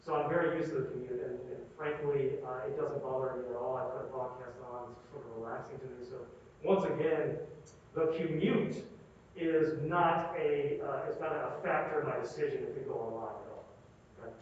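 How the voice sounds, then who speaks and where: A man's voice: mid-range voice, normal speed, a little mellow. A man lecturing informally in a classroom, talking through a face mask, repeating phrases for emphasis and checking in with his listeners. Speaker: university lecturer. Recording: echoey classroom, distant mic, dull, faint noise.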